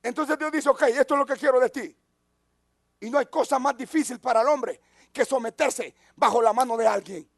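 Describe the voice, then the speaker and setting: A man preaching a sermon as a pastor, who drops to near-whispers and then rises to shouts. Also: extremely high pitch, moderate pace, vocal fry, no echo.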